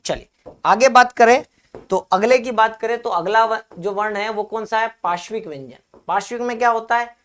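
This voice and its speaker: A male Hindi teacher whose voice sits high gives a live online grammar lesson. He questions and answers himself, slowly repeating important terms so his students can take them down.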